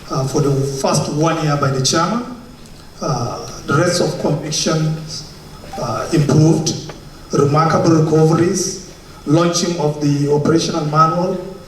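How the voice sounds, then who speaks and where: A man with a Nigerian English accent speaks with a slightly higher pitch, pausing often. His voice rings in a very echoey hall and sounds far from the mic. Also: slight background noise. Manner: hesitant with fillers. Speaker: institute president. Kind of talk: formal remarks.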